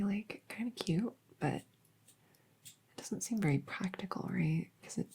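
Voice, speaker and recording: A woman playing a shy, smitten elf neighbor in a whispered role-play, soft and breathy, stammering hesitantly as she gently cares for the listener. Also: fairly low pitch, a little hiss or hum. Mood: musing, playful. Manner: hesitant, stammering, awkward rambling.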